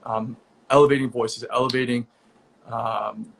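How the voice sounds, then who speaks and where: A man's voice: medium pitch, fairly even intonation, unhurried, gravelly, slight background noise. A young man hosting an online interview event, talking casually and upbeat with many fillers, over a video call. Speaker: host.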